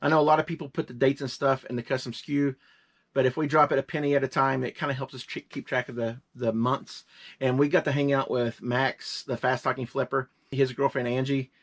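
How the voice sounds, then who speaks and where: A man in his fifties co-hosting a reselling show, talking quickly in a rambling, joking, casual way. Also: medium pitch, little pitch movement. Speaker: reseller co-host. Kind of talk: casual chat.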